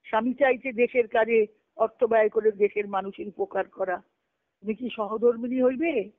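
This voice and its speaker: She speaks at a normal speed in a voice on the high side, her intonation fairly even. This spiritual discussion speaker reads letters on a group conference call and explains them didactically, repeating phrases. The audio is a tinny, band-limited phone line with no room sound.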